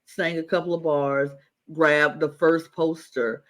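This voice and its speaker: A man's voice: a little high, flat delivery, slow, a bit bright. A man co-hosting a podcast, chatting casually and enthusiastically, rambling and repeating himself. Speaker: podcast co-host. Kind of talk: casual chat.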